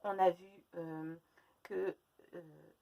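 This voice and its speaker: A woman gives young children a phonics lesson, pulling each sound apart slowly and clearly and leaning on the key words. Her voice is lowish and mellow, her delivery flat, with a little hiss or hum in the background.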